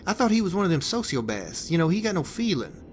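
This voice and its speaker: A man voicing a foul-mouthed hitman boss from a wasteland video game, rambling on with stammers and restarts. His voice sits a little high for a man and swings widely up and down. Faint noise runs behind him. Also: big pitch swings, fast talker, darkish tone. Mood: rambling crude. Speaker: game character giving a hitman job.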